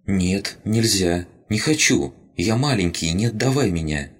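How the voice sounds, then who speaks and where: A man's voice: deep voice, lively intonation, unhurried, voice pushed up. A man voicing a tiny, frightened male creature that lives in a crystal, talking in broken, childlike short phrases.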